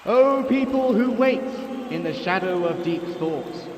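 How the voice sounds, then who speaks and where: A man's voice: high-pitched, animated, unhurried. A man playing a grandiose alien orator in an amateur radio play, proclaiming exultantly to his people. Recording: echoey hall with noisy background.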